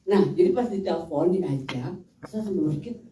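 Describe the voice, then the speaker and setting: This is a Sundanese-accented woman speaking as an actress at a press interview, laughing as she tells her stories. Her voice is mellow and relaxed. It comes from a distance in an echoey room. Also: fairly low pitch, moderate pace, slight background noise. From West Java. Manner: laughing, animated storytelling. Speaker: film actress. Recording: echoey room, mic far off.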